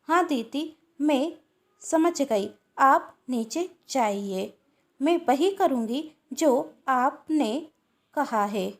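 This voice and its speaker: A woman's voice: high voice, expressive, drawn-out words, exaggerated voice. A woman voicing a jealous young woman, an eager younger sister who talks in a doubtful, pleading way. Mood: anxious.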